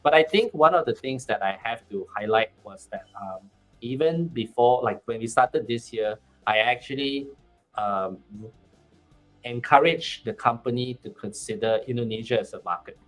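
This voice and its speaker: Appearing as a panel guest, a Malaysian-accented country manager talks casually at medium pitch and moderate pace, his tone fairly bright. He frequently restarts and repeats words, and the rough recording carries soft background music.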